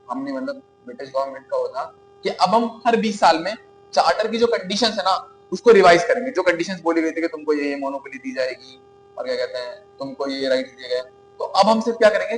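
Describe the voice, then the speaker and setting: A man's voice: high voice, low-quality recording. A man with an Indian accent giving a classroom lecture, asking his students questions and answering them himself, often checking in with "okay?". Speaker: teacher.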